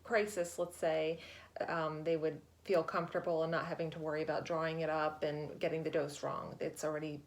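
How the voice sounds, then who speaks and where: A woman explaining things in a measured, tactful way as a hospice nurse being interviewed. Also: deep voice, level tone.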